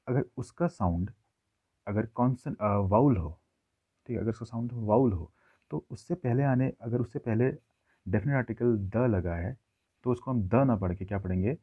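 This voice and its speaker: Gravelly-voiced man teaching a lesson. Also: medium pitch. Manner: explains slowly, checks in with listeners often. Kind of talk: classroom grammar lesson. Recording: tinny phone-like audio.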